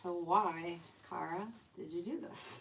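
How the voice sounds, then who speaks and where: A woman with a slightly low voice chats away while crafting on a live stream. She rambles happily, fills her talk with "like", and mutters to herself as her hands keep working. There is faint hiss behind her. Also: fairly even intonation, unhurried, gravelly, fairly bright tone, poor audio. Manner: chatty, rambling, many "like" fillers. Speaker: wreath designer hosting a live stream.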